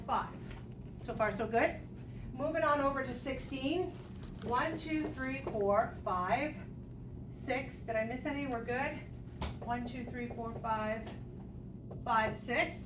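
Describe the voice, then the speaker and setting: A playful woman in her fifties teaches a math class, joking as she works through tallies aloud with a gently teasing touch. Her voice is high-pitched. A distant room mic catches her in an echoey classroom with constant background noise.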